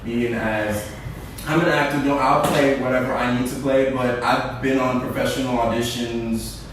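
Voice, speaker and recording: A young man hosts a relaxed group conversation, animated and quick to laugh. His voice sits in a middle register. It is picked up from across a very echoey room with faint background noise. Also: medium pitch, distant mic. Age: 20s. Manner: laughs often, animated, chatty. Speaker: host. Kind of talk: casual panel chat.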